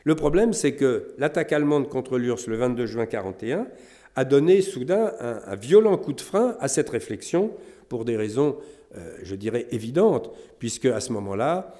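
Man lecturing, middle-aged, warm dark tone, frequent pauses and fillers. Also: medium pitch, animated. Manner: measured, many hesitations with euh and hein. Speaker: historian lecturer. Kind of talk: academic lecture.

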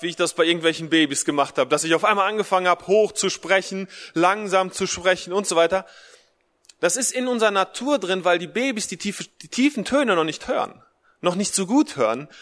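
A man's voice: high voice, fairly bright tone. A man giving a casual, conversational sermon, with a speech impediment that leaves his R unrolled, repeating short phrases for emphasis. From Russian-German family background, Germany. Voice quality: speech impediment, cannot roll the R. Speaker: preacher. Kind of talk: casual livestreamed sermon for Mother's Day. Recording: long hall reverb.

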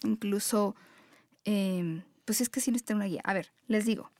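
A woman's voice: medium pitch, normal speed, a little mellow, no echo. A woman co-hosting an informal talk, speaking conversationally to listeners, at times guiding them through an exercise. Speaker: co-host. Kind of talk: casual chat and reading out a guided breathing exercise.

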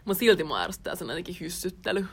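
A woman's voice: fairly low pitch, very animated, husky. A young woman co-hosting a podcast, thinking aloud in casual chat with frequent fillers. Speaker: podcast co-host.

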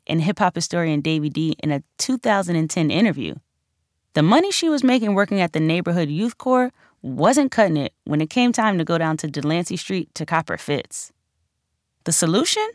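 A woman with a lowish voice narrates her own nonfiction audiobook, reading the script in a conversational, emphatic storytelling style. She sits close to the microphone and the recording has no echo.

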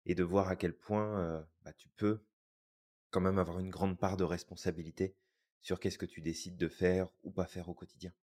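With a deep, darkish voice and flat delivery at normal speed, a man co-hosting a podcast reflects aloud, hesitating and restarting often and using many fillers.

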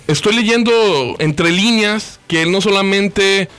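A man's voice: sits high, takes it slowly, fairly bright tone, smooth. A man hosting a sports talk radio show, questioning his co-host and taking calls. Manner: asks questions, prompts the audience and callers.

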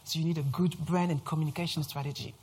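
Before a live audience in an event room, a thirtysomething woman from France presents in a deep, darkish, steady voice at a quick pace, with her French accent. Her lively talk is chatty and self-deprecating. A little hiss or hum sits under the recording.

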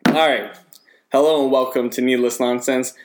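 Brief: male comedy podcast host, middle pitch, deadpan and rambling. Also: moderate pace, noisy background.

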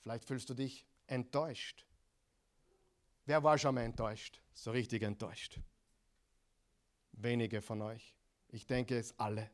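A middle-aged man preaching a sermon, swinging between loud dramatic passages and quiet intimate ones, asking his listeners direct questions. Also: mid-range voice, fairly even intonation, unhurried, long pauses. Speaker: pastor.

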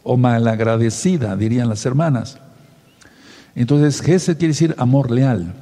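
A male preacher delivers his sermon emphatically, rising in pitch to stress key words. His voice is mellow and a little husky. A long reverb trails behind him. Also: measured pace. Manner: emphatic, spells out words letter by letter.

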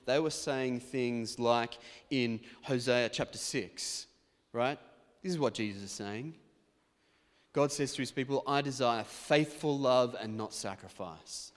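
A male pastor preaching a sermon in a conversational, self-deprecating way, with quick asides to the congregation. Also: mid-range voice, big-room sound. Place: church.

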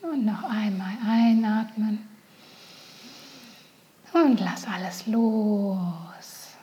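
A woman leading a guided meditation, speaking softly and often in a whisper. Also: medium pitch, muffled recording. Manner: slow, soft, often whispered.

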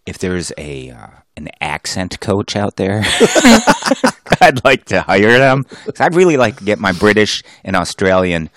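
A very deep man's voice that still swoops around a lot, talking as a playful podcast co-host. He jokes freely and drops from loud bursts to low mumbles. Close and dry in sound. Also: wildly swooping pitch, measured pace, no room sound. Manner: joking, playful, swings between loud and mumbled. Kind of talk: casual chat about diving.

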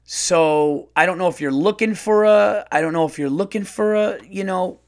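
Man, podcast host, raised pitch, animated, laughing, blunt, profane, reading letters casually. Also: normal speed. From United States.

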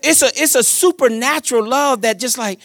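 A grandfather in his fifties preaching a sermon in a folksy, joking manner, swinging between loud declarations and quiet asides. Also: extremely high pitch, normal speed, no echo. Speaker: pastor.

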